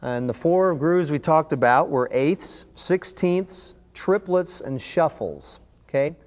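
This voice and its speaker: A man's voice: a little high, lively intonation, slow pace. A man teaching a beginner drum lesson, patiently explaining and counting beats aloud. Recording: reverberant room with loud drums.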